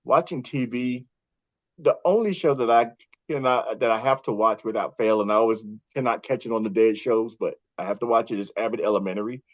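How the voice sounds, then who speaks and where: A man's voice: medium pitch, steady tone, brisk, no room sound. A chatty man tells stories as a podcast guest, laughing often and voicing the people he quotes. His voice comes through slightly muffled, in a dry and close recording. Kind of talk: casual storytelling chat.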